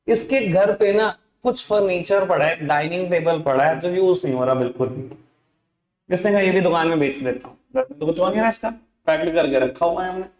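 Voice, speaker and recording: A man teaches an accounts lesson, coaxing his students and calling them by pet names. His voice sits a little high. The classroom around him is echoey. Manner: coaxing, addresses students as beta and babu. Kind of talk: classroom lecture.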